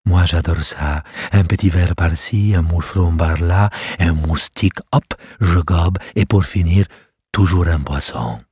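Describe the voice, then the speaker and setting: A man's voice: low-pitched, a little slow, husky, dry recording, studio quality, pitched below the performer's own voice, full character voice. A man voicing a vain, elegant female trout with a genteel, coaxing manner in a storybook reading. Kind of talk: storybook character voice. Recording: soft music behind.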